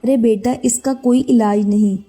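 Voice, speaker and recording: A woman's voice: fairly high pitch, fairly even intonation, normal speed, dark tone. A woman voicing a humble, dignified older mother-in-law from a village in a voiced story. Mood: gentle.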